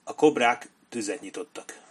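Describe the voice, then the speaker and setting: A man reading a war novel aloud as an audiobook narrator, in steady, measured storytelling. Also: medium pitch, breathy edge.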